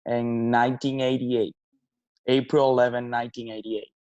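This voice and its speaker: Man, thirties, monotone delivery, halting answers, dry close sound. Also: mid-range voice, no echo, lo-fi sound. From Venezuela. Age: 30s. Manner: halting, many restarts and fillers, non-native phrasing. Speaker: baseball manager. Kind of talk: casual interview answers.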